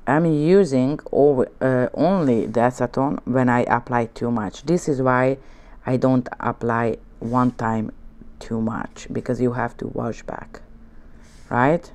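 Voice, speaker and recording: In a laid-back tutorial, a woman whose first language is Hungarian talks through her nail art while her hands appear from an overhead camera at her studio desk. She speaks softly persuasive instructions, frequently asking "okay?", in a rumbling low, unhurried voice.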